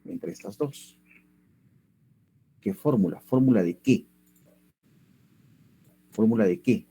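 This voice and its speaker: A man's voice: fairly low pitch, lively intonation, slow pace, dark tone, slightly rough, no room sound, lo-fi sound. A male teacher giving an online language lesson over a computer mic, going step by step and checking that students follow. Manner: patient, step by step, keeps checking understanding.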